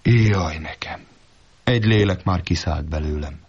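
A man's voice: low voice, darkish tone, slightly rough. A man doing a foolish stubborn old peasant. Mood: fearful. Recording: dull lo-fi recording.

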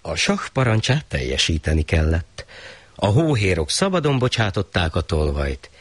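A man reading a folk tale aloud in an expressive storytelling style. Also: low voice, no echo.

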